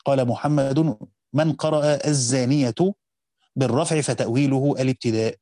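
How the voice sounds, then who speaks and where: An Egyptian man reads a classical text at a rapid clip in a mellow, dark voice. He pauses to explain grammar in a slower, conversational tone. The recording is dry and close to the mic. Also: medium pitch, fairly even intonation, no echo. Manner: reads quickly, slows down to explain points of grammar. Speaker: teacher reading and explaining a Quran commentary. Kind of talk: reading a classical text aloud with spoken explanations.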